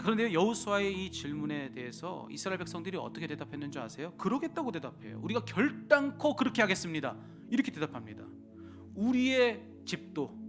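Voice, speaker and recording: A man preaching a sermon as pastor, swinging between loud urgent phrases and hushed whispers, and acting out biblical dialogue in casual speech. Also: high voice.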